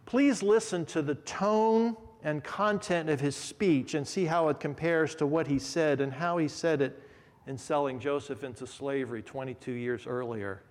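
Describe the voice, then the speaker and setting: A man's voice: a little high, moderate pace, big-room sound. A male pastor giving an earnest sermon and explaining scripture verse by verse.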